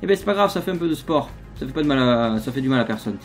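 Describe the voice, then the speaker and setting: A man's voice: mid-range voice, animated, racing. A man giving a casual, rambling walkthrough of his city-building game, full of fillers and restarts. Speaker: let's play host. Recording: faint background music.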